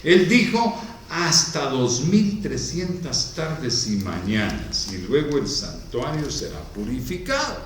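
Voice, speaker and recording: A male pastor reads scripture and comments on it in a slow, deliberate sermon. His pitch rises and falls widely as he stresses key words. The recording is heavy with hall echo and carries a faint background hiss. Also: big pitch swings, far from the mic. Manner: reads verses aloud, then comments on them slowly and emphatically. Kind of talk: sermon, reading and explaining scripture. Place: church hall. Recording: very echoey hall.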